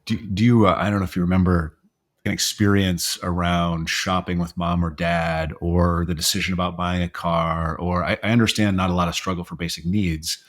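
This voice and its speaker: A man's voice: low voice, level tone, normal speed, a bit bright. A man hosting a podcast, a financial advisor who reads a guest introduction and asks friendly, conversational questions. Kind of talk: podcast interview.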